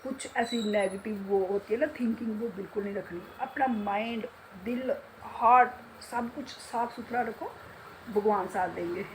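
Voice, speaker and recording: A woman's voice: mid-range voice, moderate pace, poor audio. Woman, middle-aged, casual home vlog, chatty, self-mocking, faint background noise. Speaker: vlogger, beauty salon owner.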